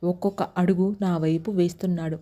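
A woman with a Telugu accent telling a first-person story in steady, unhurried narration. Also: fairly low pitch.

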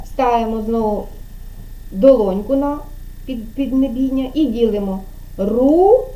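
A woman's voice: on the high side, normal speed, warm tone, slight background noise. A woman kindergarten teacher giving an online speech lesson to a child over a video call, patiently drawing out syllables and prompting.

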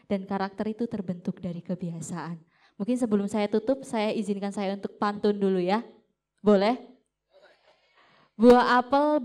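A woman's voice: mid-range voice, mellow. Young-ish woman mc wrapping up a uni talk, polite and tidy summary. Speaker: event moderator. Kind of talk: closing remarks. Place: lecture hall.

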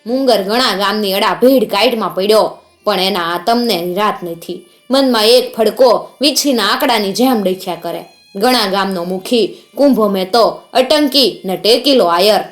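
A woman's voice: mid-range voice, normal speed, soft background music. A woman storyteller, narrating a dramatic folk tale in a vivid, rhythmic way. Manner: vivid, rhythmic telling with recited couplets.

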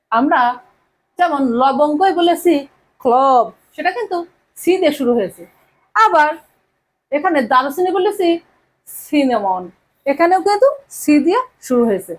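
A woman's voice: high-pitched, animated, normal speed, long pauses. A woman from Bangladesh teaching vocabulary to her students, repeating each word and quizzing them as she goes. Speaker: English teacher. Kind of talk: vocabulary lesson addressing students.

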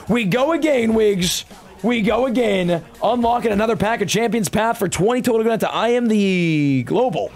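A young man with a fairly high voice and very animated pitch. He talks like a streamer chatting with his viewers, slangy and loose, jumping between low muttered asides and loud hype calls. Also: gravelly. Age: young adult. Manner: slangy, bro-heavy way of talking. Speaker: live streamer opening card packs. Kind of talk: casual livestream chat with viewers. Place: indoor streaming room at home.

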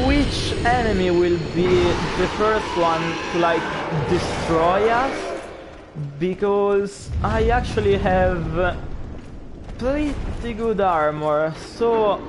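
A young Italian man, not a native English speaker, streams a game and reacts aloud in English with an Italian accent, giving gameplay commentary. His voice is high-pitched, and there is heavy background noise.

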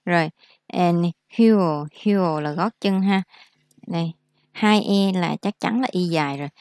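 A woman gives a casual vocabulary lesson in a lowish voice. She speaks slowly and repeats each word so learners can follow. The sound is dry and close. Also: darkish tone, no room sound. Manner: explains slowly, repeats words for practice. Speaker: English teacher.

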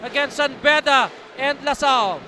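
In a courtside booth of a packed arena, a coach provides color commentary on live basketball next to the play-by-play caller, breaking down plays and echoing and agreeing with his partner. His voice is extremely high and his pace normal, and the noisy broadcast carries crowd sound behind him.

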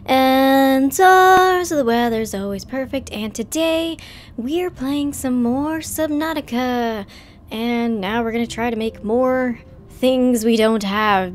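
A woman's voice: fairly high pitch, a little mellow. A woman casually commentating her gameplay, chatty and playful, talking to herself and to the game. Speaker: gameplay streamer. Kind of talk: casual let's-play commentary.

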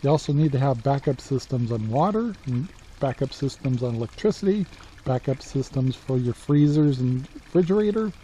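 A man's voice: medium pitch, animated, moderate pace, mellow. A man in his sixties chatting casually outdoors in a rural yard for his homesteading vlog, plainspoken, with many filler words. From Central Oregon, USA. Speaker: homesteading vlogger. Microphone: handheld camera at arm's length. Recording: dull lo-fi sound with faint outdoor noise.

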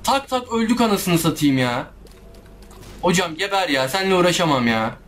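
A man's voice: high-pitched, animated, moderate pace, a bit bright, a little hiss or hum. A man giving casual let's-play commentary, frustrated, swearing often and talking back to the game. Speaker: gaming YouTuber. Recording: faint music behind the voice. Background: faint game music.

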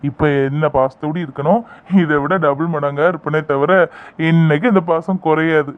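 A man's voice: on the high side, steady tone, normal speed, lightly acted. Field: a man voicing a doting young village lover. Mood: soothing. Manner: soothing, affectionate, coaxing. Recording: dry, tinny phone-like sound.

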